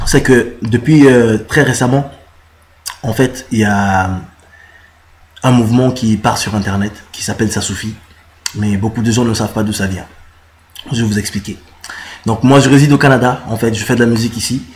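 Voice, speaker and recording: A musician and citizen activist from the Republic of the Congo explains something casually straight to the camera. He speaks haltingly with many "euh" fillers and restarts, in a fairly low voice.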